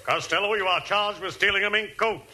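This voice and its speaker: An actor playing a stern, exasperated judge in a 1940s radio comedy, declaiming as if banging a gavel. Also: male voice, sits high, a little fast, lightly acted. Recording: very noisy old radio recording.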